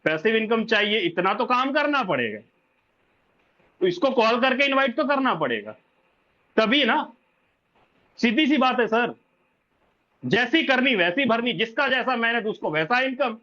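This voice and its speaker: Man, high voice, insistent live-meeting pitch, dull call audio. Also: sing-song, measured pace, long pauses, sharp tone. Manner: pushy, repetitive, addresses listeners as brother and sir. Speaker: crypto scheme presenter.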